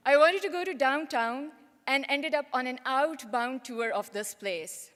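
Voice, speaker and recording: A woman's voice: high-pitched, measured pace, fairly bright tone. Woman giving a graduation speech. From Pakistan. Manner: friendly, personal storytelling. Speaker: graduating student speaker. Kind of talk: commencement speech. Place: large auditorium. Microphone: podium microphone. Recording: auditorium with long reverb.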